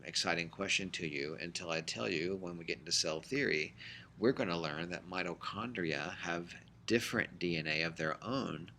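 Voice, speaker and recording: A middle-aged man teaches a high school biology class in a recorded lecture, explaining things conversationally with frequent fillers. His tone is sharp, and there's slight background noise.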